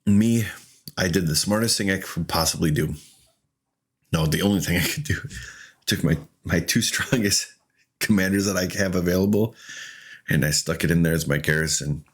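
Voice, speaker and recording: A man's voice: low voice, normal speed, long pauses, breathy edge. A man casually commenting on his own gameplay, often laughing and acting out what he said in the moment. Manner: laughs often, excitable, retells with quoted self-talk. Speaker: gaming streamer.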